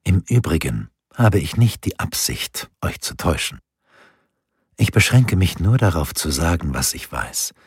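A man voicing a calm, alluring woman who reads cards in an audiobook, speaking in a husky, measured way. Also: deep voice, dry recording, clean studio sound, exaggerated voice. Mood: counseling. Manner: measured, advising. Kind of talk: audiobook character voice.

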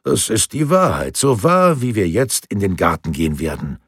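A man's voice: fairly low pitch, wildly swooping pitch, moderate pace, a bit bright, slightly rough, no echo, clean studio sound, heavily acted. A man voicing a mild, fond old grandfather in an audiobook. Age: older. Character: gentle doting old grandfather.

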